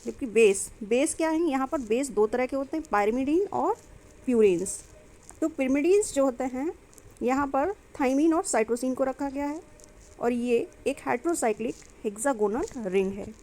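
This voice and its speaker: A young woman with a high, light voice teaches biology for an exam-prep class. She walks through each point step by step, poses questions and answers them herself, and slips English terms and sentences into her explanations. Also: animated, takes it slowly, dark tone.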